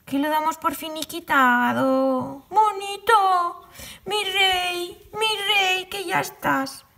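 High-voiced woman wrapping up a crochet tutorial, all teary and sweet, whispers now and then. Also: takes it slowly. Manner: affectionate, emotional, drops into soft whispers. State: tearfully emotional. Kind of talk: casual crochet tutorial chat.

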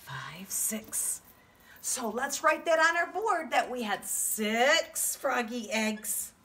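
A woman's voice: high voice, expressive, slow, sharp tone. A woman preschool teacher giving a children's math lesson in a broad singsong, asking coaxing questions and counting aloud. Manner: broad singsong delivery aimed at small children.

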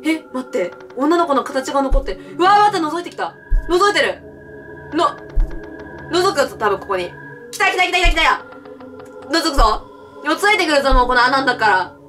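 Very high-pitched excitable woman gamer. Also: distant mic. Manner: excitable, frightened reactions and shouts. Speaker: horror game streamer. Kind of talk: let's play commentary.

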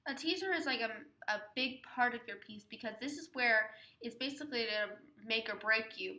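A teenage girl with a fairly high, bright voice gives tips on competing in a speech event. She announces each topic, then explains it casually with ums. Her voice echoes in the room. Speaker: student competitor explaining dramatic interpretation. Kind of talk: casual instructional talk.

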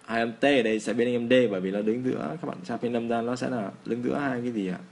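A man with a Vietnamese accent teaching English phrases in a casual lesson, slowing down to model the pronunciation. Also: mid-range voice, creaky, darkish tone, slight background noise.

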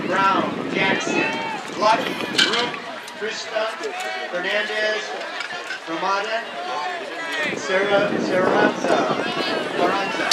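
A man announcing track meet results over a stadium PA system, reading places and times in a measured way. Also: high voice. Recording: echoey PA heard from far off, loud crowd and noise. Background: loud crowd and outdoor noise.

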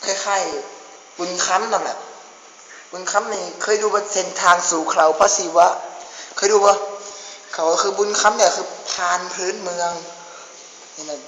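A man's voice: high voice, normal speed, long pauses. A man with a Northeastern Thai Isan accent narrating a homemade ghost spoof, joking and yelping in pretend fright. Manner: jokey, exclaims and yelps in mock fright. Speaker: amateur video maker narrating a ghost spoof. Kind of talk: playful mock-horror narration. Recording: echoey hall with loud background noise.

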